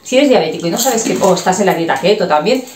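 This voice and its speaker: A woman's voice: fairly low pitch, expressive, fast, reverberant, far from the mic, a loud crowd. A Spanish woman chatting casually in a home vlog while unpacking groceries, blunt and talkative. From Spain. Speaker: vlogger. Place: home kitchen.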